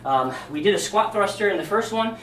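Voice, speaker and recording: A man walks through workout exercises like a casual fitness instructor, with lots of ums and a slightly out-of-breath sound. His voice sits a bit high. The camera mic is some way off, so the room echoes around him. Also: animated, a little fast, a bit bright, far from the mic, slight background noise. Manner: casual, demonstrating moves with many ums. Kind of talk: workout demonstration.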